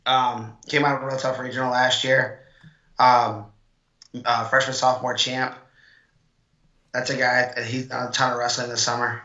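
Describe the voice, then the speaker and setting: A man with a sharp, bright voice co-hosting a laid-back sports podcast. He talks in a loose, rambling way, full of filler words. His mic sounds echoey and muffled. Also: mid-range voice, level tone, normal speed, pauses often. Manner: chatty, with many fillers like "like" and "I mean". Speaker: co-host of a wrestling podcast. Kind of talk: casual sports chat.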